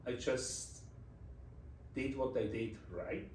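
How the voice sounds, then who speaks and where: Guesting in a casual interview, a Swiss man in his forties who works as a design executive reflects slowly in English, his second language, his Swiss German accent and non-native phrasing marked by restarts. His mid-range, slightly mellow voice comes from off-mic at a distance, with roomy echo and slight background noise.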